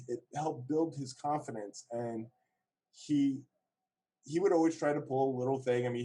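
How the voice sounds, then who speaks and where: Mellow-voiced man presenting with many fillers. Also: mid-range voice, poor audio. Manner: halting, with many fillers and restarts. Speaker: program co-founder presenting. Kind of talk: online presentation talk.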